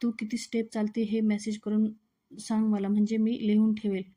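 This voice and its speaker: A woman's voice: mid-range voice, little pitch movement, normal speed, warm tone, natural voice. A woman reading the lines of a strict young husband who trains his wife, in a stubborn lecturing tone.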